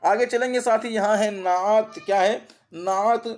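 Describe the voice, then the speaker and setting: Quick checking questions and repeated terms mark this exam-prep Urdu grammar lesson, taught by a man whose Urdu carries an Indian accent. He speaks with a high pitch and a fairly even intonation.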